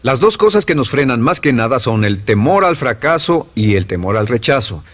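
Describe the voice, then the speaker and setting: A man's voice: mid-range voice, big pitch swings, normal speed, a bit bright. Middle-aged male lecturer for a seminar dub, mid-range voice, emphatic delivery. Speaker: motivational lecturer.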